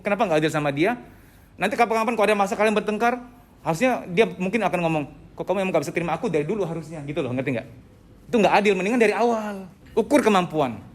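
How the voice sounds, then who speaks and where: A man giving a psychology lecture at a training session, animated and acting out quoted speech, with joking asides. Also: high-pitched.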